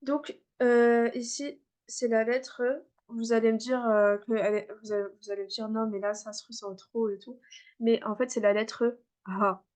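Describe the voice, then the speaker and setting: A woman's voice: a little high, steady tone, a little mellow. Patient woman teaching letter sounds. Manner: patient, repeats sounds slowly to demonstrate. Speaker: Arabic teacher. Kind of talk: online beginner class.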